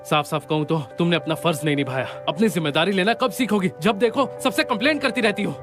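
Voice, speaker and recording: Dub role: man doing blunt scolder, lightly raised pitch, soft score behind. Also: a little fast, over music, close to an everyday voice. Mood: scolding. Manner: stern and lecturing. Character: strict, blunt young man who scolds her. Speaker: dubbed drama character. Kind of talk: Hindi dub of a drama.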